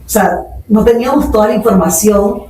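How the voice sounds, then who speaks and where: A woman's voice: medium pitch, a little fast, warm tone, slight background noise. A woman in her forties from Nicaragua, telling her story earnestly in a podcast interview and mixing in English terms. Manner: earnest, anecdotal, code-switches English terms. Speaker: guest entrepreneur. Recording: echoey room, distant mic.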